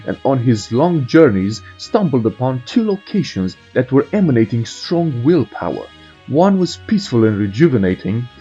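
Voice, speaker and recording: Animated, muffled man narrating game lore. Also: mid-range voice. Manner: irreverent, storytelling. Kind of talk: scripted narration with joking asides. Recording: muffled voice over faint music.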